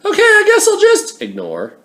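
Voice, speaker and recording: A man voicing an overeager, chatty stranger in a high, squeaky falsetto while reading a storybook aloud. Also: wildly swooping pitch, moderate pace, bright, forceful tone, exaggerated voice. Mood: eager. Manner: eager, questioning, high falsetto.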